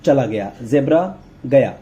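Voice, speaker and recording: Dark-voiced man teaching chemistry mnemonics. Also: mid-range voice, expressive, unhurried. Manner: repeats terms and mnemonics, addresses students as beta. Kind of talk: exam-prep lecture in Hindi.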